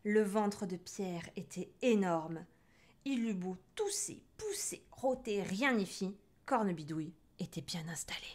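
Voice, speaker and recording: Woman reading a story aloud, lively. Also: mid-range voice, measured pace. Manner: lively, theatrical. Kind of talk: expressive read-aloud storytelling.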